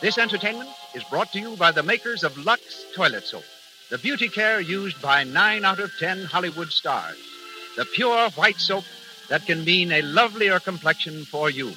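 Bright, high-pitched old radio announcer man. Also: animated, moderate pace, soft background music, poor audio. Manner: declamatory, grandly formal delivery. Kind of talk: old-time radio announcer, formal scripted introduction. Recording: vintage 1930s radio broadcast.

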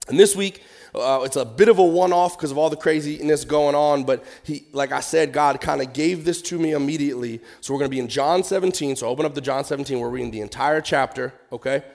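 A man's voice: on the high side, fast talker, vocal fry, darkish tone. A man preaching a conversational sermon in a nasal, crackly voice, informal and emphatic, repeating key words and reading scripture.

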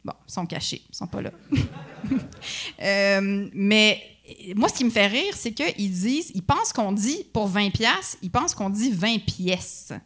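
Une femme du Québec, invitée humoriste, à l'accent québécois teinté de français de Paris, qui parle de façon vive et taquine dans une conversation de balado décontractée. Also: female voice, medium pitch, measured pace. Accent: Quebec French, with a partly Parisian French tinge. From Quebec. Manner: lively, playful, teasing jokes and mock outrage. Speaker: podcast guest, comedian. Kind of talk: casual podcast conversation.

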